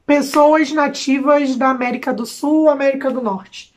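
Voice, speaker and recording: Chatty young Brazilian woman, high voice. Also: normal speed. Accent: Brazilian Portuguese. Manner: chatty and expressive, with slang asides. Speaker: vlogger. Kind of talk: casual chat to camera.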